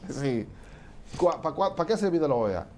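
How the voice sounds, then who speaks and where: A man's voice: on the high side, big pitch swings, normal speed, darkish tone, a little hiss or hum. A man in a casual political discussion, talking with indignation and asking rhetorical questions. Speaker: political commentator.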